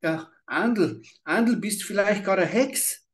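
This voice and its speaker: A man's voice: a little high, animated, moderate pace, darkish tone, pitched above the performer's own voice, close to an everyday voice. A man reading aloud and voicing a frightened little peasant girl who begs timidly and trembles. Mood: frightened pleading.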